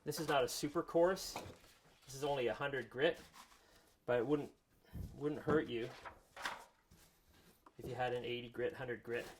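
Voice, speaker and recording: A man's voice: medium pitch, measured pace, pauses often. Guy talking through a woodworking job in his shop, easygoing, tool noise behind him. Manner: relaxed, talks while working with tools. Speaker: woodworking instructor. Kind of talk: casual workshop tutorial. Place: workshop. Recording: workshop noise under the voice.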